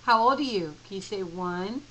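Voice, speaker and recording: A woman's voice: medium pitch, lively intonation, moderate pace, fairly bright tone, a little hiss or hum, low-quality recording. A mother in a home video, coaxing her toddler with repeated sing-song prompts. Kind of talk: home video baby talk.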